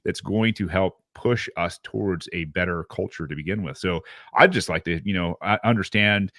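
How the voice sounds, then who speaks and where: A man's voice: low voice, moderate pace, a bit bright, no echo, clean studio sound. A man hosting a podcast, asking long, meandering questions full of fillers. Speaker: podcast host. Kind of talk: podcast interview.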